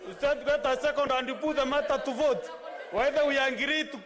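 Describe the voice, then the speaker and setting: A Kenyan-accented man argues insistently as a senator in debate. His raised voice is very high for a man and rings through a large, reverberant chamber. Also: brisk, a bit bright, a faint crowd. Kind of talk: parliamentary debate speech. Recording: long echo of a large chamber.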